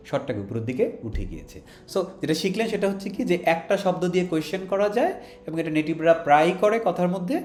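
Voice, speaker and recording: A man with a Bangladeshi accent teaching English in an online lesson, asking rhetorical questions and answering them himself. He models English questions with a clear rising tone. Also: fairly high pitch, a little mellow. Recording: roomy echo with faint music underneath.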